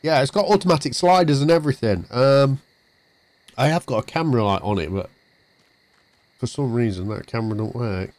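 A man's voice: medium pitch, a little fast, pauses often, a little mellow, dry recording. A man chatting casually to viewers while playing on a live stream from his home setup. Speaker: game streamer. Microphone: desk mic through a mixer.

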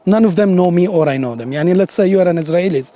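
A man in his forties with a Palestinian Arabic accent, a native Arabic speaker, talking earnestly in halting English on an open hilltop, gesturing as he goes, full of "like" and "you know". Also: sits high. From Palestinian territories. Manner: animated, gesturing, halting English with many fillers. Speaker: interviewee. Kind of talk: earnest outdoor interview. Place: hilltop outdoors above a city.

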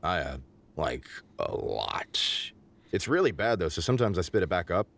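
A man voicing an awkward, gross male talk-show host in a low, mumbling drawl. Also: lively intonation, rapid-fire. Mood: deadpan mumble.

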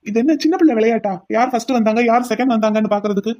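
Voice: mid-range voice, very fast, a little mellow, dull audio, lightly acted. A voice actor doing a brash pleading young man. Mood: insistent. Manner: insistent, pleading. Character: brash young man pining for his brother's sweetheart.

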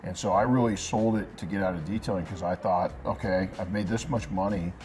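A man's voice: sits low, a little fast, a little mellow, soft background music. A middle-aged man, a guest in a casual interview, telling his own story candidly and emphatically on a lapel mic in a shop. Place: detailing supply shop, indoors.

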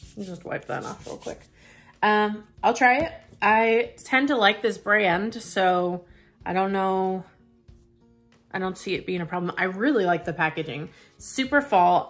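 A woman's voice: medium pitch, a bit bright. A young woman chatting casually as she unboxes and tries out makeup, musing aloud with plenty of fillers. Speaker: beauty vlogger reviewing a subscription box. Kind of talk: casual chat.

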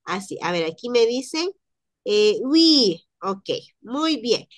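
A woman's voice: on the high side, sing-song, slow, no room sound, studio quality. A woman teaching an online French class to Spanish speakers, explaining and drilling pronunciation by repeating sounds over a video call.

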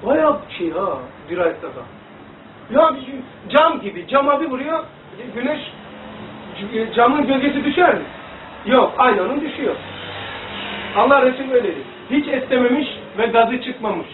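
Male religious teacher, high voice, rambling and animated, distant tinny phone-like recording. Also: moderate pace, a little hiss or hum. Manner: rambling, animated, demonstrating to listeners. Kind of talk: informal religious lesson. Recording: echoey room, distant phone-like mic.

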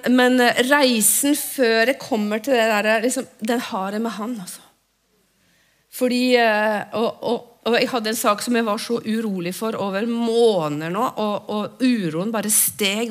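A fervent woman preacher in a church, her voice sitting a little high. She moves between loud rising exhortation and soft whispered prayer. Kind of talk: sermon with spoken prayer.

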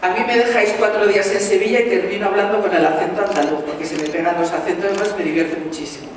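A woman's voice: medium pitch, quick pace, a little hiss or hum. Valencian woman speaking in an echoey hall. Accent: Valencian Spanish. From Valencia, Spain. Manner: lively, rhetorical questions, addresses the audience directly. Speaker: motivational speaker. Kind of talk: motivational talk to an audience. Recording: echoey hall, mic from far off.

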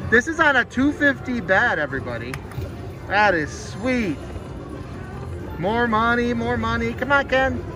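A man hosting a slot machine video with excited live commentary, exclaiming and repeating his phrases. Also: very high voice, unhurried. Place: indoors on a casino floor. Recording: loud music over voice, casino floor. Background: loud slot machine music.

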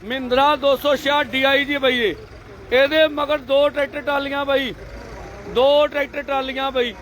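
A man giving energetic live commentary outdoors by a highway among tractors, urging viewers again and again to share, on a handheld phone. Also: normal speed, slight background noise. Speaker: live-stream reporter at a farmers' convoy.

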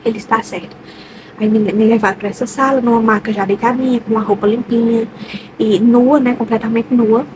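A woman's voice: fairly high pitch, fairly even intonation, a little fast, background noise. Chatty young woman vlogger telling her birth story. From Brazil. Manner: emotional, chatty, lots of diminutives and repeats. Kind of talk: personal birth story, casual chat.

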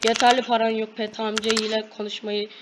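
A woman hosting a gaming video, giving excited play-by-play to her viewers and shouting quick commands during fights. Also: a little high. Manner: addresses viewers constantly. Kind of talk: excited gameplay commentary. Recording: loud background noise.

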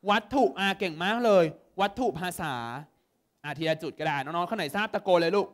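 Brief: young male exam tutor from Thailand, high voice, keeps firing quick check-in questions at the class. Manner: lively, constantly checks understanding with quick questions. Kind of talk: exam prep lesson to students.

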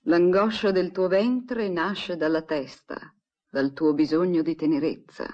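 A woman's voice: lowish voice, steady tone, measured pace, darkish tone. A woman playing a troubled young woman who pours out her longing for an absent professor in an intimate, anguished way. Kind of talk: 1960s Italian film dub. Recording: dull lo-fi film soundtrack.

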